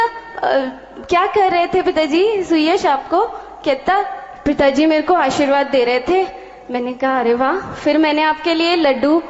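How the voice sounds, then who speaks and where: A woman with a high voice tells a personal testimony to a spiritual leader, acting out the exchanges in animated detail. Her voice rings through a large hall with a long echo. The sound is a little dull and muffled. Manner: animated storytelling with many quoted exchanges. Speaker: devotee sharing a testimony.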